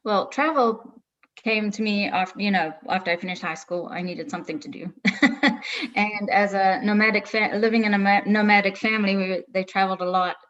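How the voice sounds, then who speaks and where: A woman's voice: mid-range voice, a little fast, a bit bright. South african lady, middle-aged, chatting and laughing a bit, kinda dull muffled audio. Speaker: safari travel advisor. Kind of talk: interview answers.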